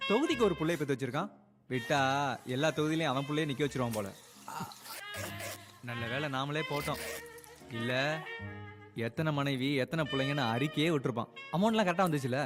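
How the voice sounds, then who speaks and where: Guy doing a gossipy henchman, lively voice, music behind. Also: fairly high pitch, quick pace, pauses often, natural voice. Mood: mocking. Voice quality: gossipy, mocking. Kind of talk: film comedy acting.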